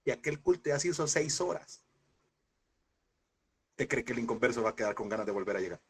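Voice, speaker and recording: A man teaching a Bible seminary class in a lively preaching style, asking rhetorical questions and acting out scenes in sudden high shouts. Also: a little fast, slight background noise. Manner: animated, mimics voices with sudden high shouts; addresses listeners as brother, rhetorical questions.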